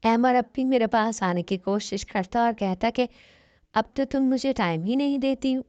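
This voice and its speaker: A woman reading a first-person story aloud as a steady, even scripted narration. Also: on the high side, normal speed, no room sound, highs cut off.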